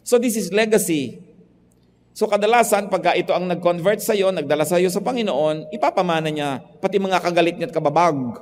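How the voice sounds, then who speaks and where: A male pastor preaching a sermon, moving between quiet stretches and emphatic points. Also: high voice, brisk, long reverb tail. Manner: preaching in Tagalog mixed with English, swinging from soft to emphatic.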